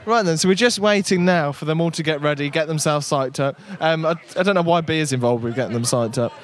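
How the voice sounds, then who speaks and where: A man's voice: fairly high pitch, quick pace. A man presenting a live local radio broadcast from an outdoor village fair, chatty and upbeat.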